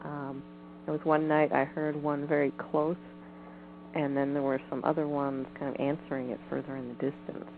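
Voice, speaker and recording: A woman guest on a phone interview, speaking in a measured, hedging way with frequent ums. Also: deep voice, little pitch movement. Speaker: guest, Bigfoot researcher. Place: home in the woods. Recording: tinny phone line with faint hiss.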